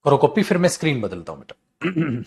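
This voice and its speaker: A man's voice: fairly high pitch, very animated, moderate pace, a little mellow. A man teaching an English grammar class online, scolding and teasing his students as he explains.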